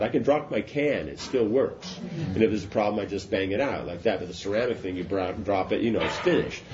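A man talks through spiritual ideas in a loose, rambling way, circling back and checking that his listeners follow. His voice sits low and mellow. The recording is dull and lo-fi with a faint hiss behind it. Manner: rambling, repeats and restarts, asks "does that make sense?". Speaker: spiritual teacher. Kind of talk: informal philosophical discourse.

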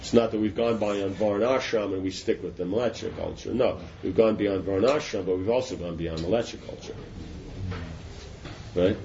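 A man talks through spiritual ideas in a loose, rambling way, circling back and checking that his listeners follow. His voice sits low and mellow. The recording is dull and lo-fi with a faint hiss behind it. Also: moderate pace. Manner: rambling, repeats and restarts, asks "does that make sense?". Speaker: spiritual teacher. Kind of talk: informal philosophical discourse.

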